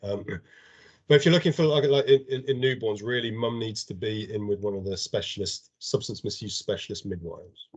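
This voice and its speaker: Low-voiced man on a video call. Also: a little fast. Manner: plain-spoken and explanatory, often restarts and repeats words. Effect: heard over a video call. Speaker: drug and alcohol awareness trainer. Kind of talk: informal training talk. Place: home or office on an online meeting. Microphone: computer or headset mic on a video call.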